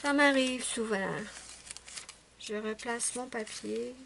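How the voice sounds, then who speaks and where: Québécoise woman in a casual home vlog, high-ish voice, rambling and hesitant delivery. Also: fairly even intonation, takes it slowly, creaky, background noise. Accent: Québécois French. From Quebec, Canada. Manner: rambling, chatty, many hesitations and self-corrections. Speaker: adult coloring YouTuber. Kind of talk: casual chat showing finished coloring pages.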